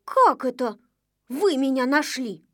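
Brief: a woman playing a lecturing little know-it-all boy from a storybook, high voice, dry close sound. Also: expressive, slow pace, no room sound. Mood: reproachful. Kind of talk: storybook reading.

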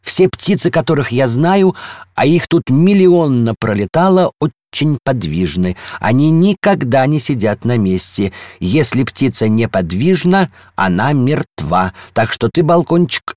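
A man's voice: medium pitch, very animated, measured pace, darkish tone, no room sound, studio quality, voice pushed up. A man voicing a know-it-all stone column, a female figure who lectures matter-of-factly. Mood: lecturing.

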